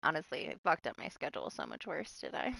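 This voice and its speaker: A woman's voice: low voice, wildly swooping pitch, moderate pace, creaky, a bit bright, breathy edge, no room sound. A young woman live streaming a game, chatting casually, laughing often and swearing freely. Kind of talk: casual gameplay commentary. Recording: background noise.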